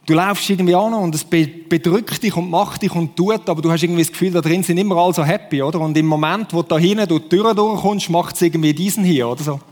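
A man's voice: sits high, darkish tone, big-room sound. A man with a Swiss German accent preaching a sermon, who acts out fake enthusiasm in playful voices. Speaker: pastor.

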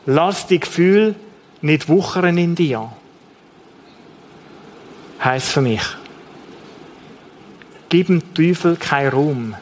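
Male preacher with a Swiss German accent, somewhat high-pitched, delivering an earnest sermon and repeating his key phrases. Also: slow, pauses often, a little hiss or hum.

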